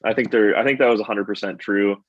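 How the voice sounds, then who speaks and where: A man's voice: fairly low pitch, steady tone, fast talker, dry recording, dull audio. A man from the United States chatting casually with a friend on a call, rambling with lots of "like" and "you know". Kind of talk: casual chat.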